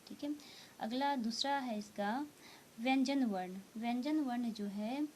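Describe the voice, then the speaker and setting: A woman teaching a grammar lesson at a deliberate, unhurried pace, her voice sitting a little high. She repeats each point and keeps checking that students follow. A faint low rumble sits behind her. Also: a little mellow. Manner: slow, repetitive explaining with frequent "theek hai" check-ins. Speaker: Hindi teacher.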